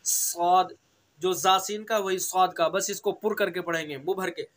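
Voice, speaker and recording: A man from India with a Delhi Urdu accent gives a slow tajweed lesson in Quran recitation, patiently repeating each letter sound several times. His voice is high and fairly bright, at a moderate pace.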